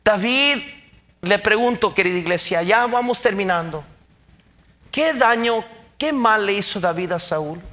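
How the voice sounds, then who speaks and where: A pastor delivers an emphatic sermon at a church service, pushing his points to impassioned peaks. His voice sits very high for a man, and it is bright and forceful. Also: expressive, unhurried.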